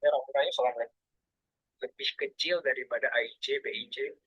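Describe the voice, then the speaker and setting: A man talking through the steps of a software tutorial, explaining loosely in broken fragments. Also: mid-range voice, moderate pace, husky, no echo, highs cut off. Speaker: student presenter.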